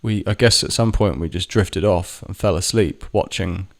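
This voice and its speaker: In a casual storytelling monologue to camera, a male vlogger rambles through a personal story full of swearing, frequently pausing to correct himself. He speaks in a low voice at a moderate pace.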